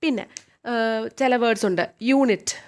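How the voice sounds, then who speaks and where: A woman with a Malayali accent teaching an English grammar lesson, patiently asking the listener questions and repeating examples slowly. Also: fairly high pitch.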